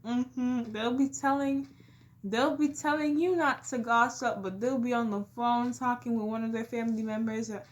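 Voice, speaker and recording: A woman's voice: fairly high pitch, fairly even intonation, moderate pace. A young woman vlogging in a casual, comedic way, speaking emphatically and talking straight to her viewers. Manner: emphatic, addresses viewers directly.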